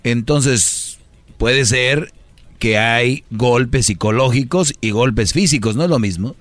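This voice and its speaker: A man's voice: mid-range voice, slow, a bit bright, no echo. A man joking and teasing with playful wordplay during talk-show banter.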